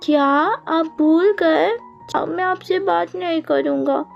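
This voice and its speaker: A woman's voice: high voice, fairly even intonation, unhurried, voice pushed up. A woman voicing a playful, pouty little boy who coaxes and whines like a child. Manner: whiny, pleading child's voice. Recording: dull lo-fi audio with faint music.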